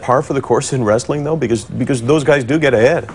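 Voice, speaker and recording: A man's voice: medium pitch, quick pace, a little mellow, slight background noise. Male talk show host, probing interviewer. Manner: probing, pressing questions. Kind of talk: broadcast sports interview.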